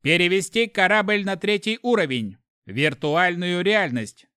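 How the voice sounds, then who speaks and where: A man reading a science fiction audiobook, putting on the voice of a cold, detached onboard ship computer that announces in a flat, emotionless tone. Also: sits high, unhurried, clean tone, no room sound, studio quality, voice pushed up. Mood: cold, announcing.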